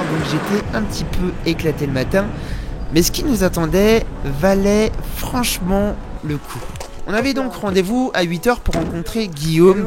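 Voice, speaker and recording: A young man narrating a travel photography vlog in a casual way, with informal youth slang. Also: fairly high pitch. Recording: music behind the voice. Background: music.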